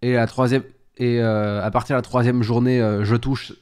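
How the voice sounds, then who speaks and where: A man's voice: medium pitch, level tone, moderate pace, a little mellow, smooth. Man with a head cold chatting live. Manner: chatty, restarts often, exclaims at tech trouble. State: sick with a head cold, blowing his nose. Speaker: live streamer. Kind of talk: casual live-stream chat.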